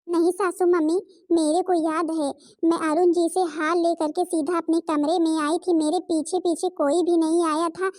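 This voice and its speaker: A woman's voice: very high-pitched, flat delivery, normal speed, few pauses, a little mellow, dry recording, clean studio sound. Woman doing a fretful young daughter-in-law. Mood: worried. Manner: pleading, flustered.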